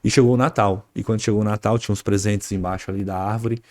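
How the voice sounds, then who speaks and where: A man's voice: lowish voice, steady tone, fast talker, darkish tone, no echo, studio quality. A man with a Brazilian Portuguese accent, a guest on a podcast, telling a family story in a casual way and acting out the dialogue. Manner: anecdotal, acts out dialogue, frequent fillers like "né" and "cara".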